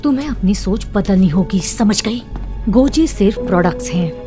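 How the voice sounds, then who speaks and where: Composed female park director for a cartoon dub, voiced by a woman, mid-pitched, with music underneath. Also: animated, moderate pace, close to an everyday voice. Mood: calm, explaining. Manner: composed, authoritative, explaining.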